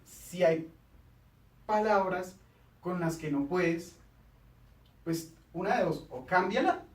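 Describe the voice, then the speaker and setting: A man's voice: on the high side, roomy sound, distant mic, low-quality recording. A man hosting a casual studio chat, explaining communication tips and acting out little quoted exchanges.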